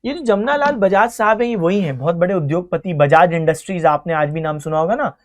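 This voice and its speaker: At a middle pitch and a fairly quick pace, a history teacher runs an online exam-coaching lecture, moving through quiz questions one by one. Each answer becomes a story, the students are called "beta," and English terms are mixed in.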